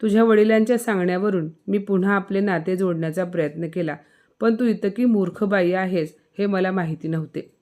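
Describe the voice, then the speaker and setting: A woman's voice: mid-range voice, steady tone, a little fast, darkish tone, natural voice. A woman voicing a hurt, angry young husband in a spoken story.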